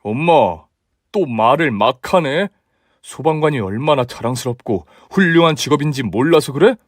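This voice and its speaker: A man's voice: mid-range voice, expressive, normal speed, no echo, clean studio sound, close to an everyday voice. A man voicing a young man who argues with his mother and pleads to keep his fiancée. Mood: exasperated. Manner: pleading, exasperated.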